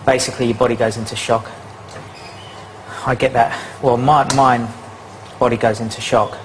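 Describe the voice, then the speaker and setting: A man's voice: medium pitch, little pitch movement, moderate pace. A man chatting casually and cheerfully in a home kitchen, a little out of breath and joking at his own expense. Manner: chatty, upbeat, self-mocking. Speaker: reality show participant. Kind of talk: casual talk to camera. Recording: noisy home recording.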